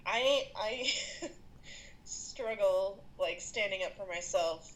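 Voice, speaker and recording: A woman's voice: medium pitch, slow pace, fairly bright tone, poor audio. A woman freelance artist in casual conversation, thoughtful and searching for words. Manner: thoughtful, many fillers and restarts. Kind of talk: casual chat.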